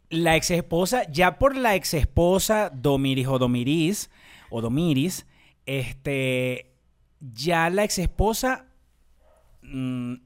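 Guy cohosting, kinda high voice, jokey banter. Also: expressive, takes it slowly, pauses often. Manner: playful, joking, acts out little scenes. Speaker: podcast co-host. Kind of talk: casual chat.

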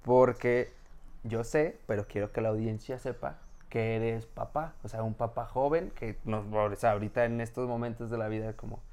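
A man with a Mexican Spanish accent hosting a podcast interview. He speaks at a middle pitch in a loose, chatty way and fills his questions with casual filler words. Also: steady tone, moderate pace, darkish tone. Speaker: podcast host.

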